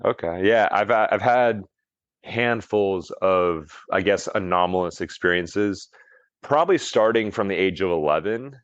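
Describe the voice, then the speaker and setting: Speaking unhurriedly in a low voice, a man guests on a podcast as a longevity coach and rambles through a story full of "like" and restarts. The recording is dry and lo-fi.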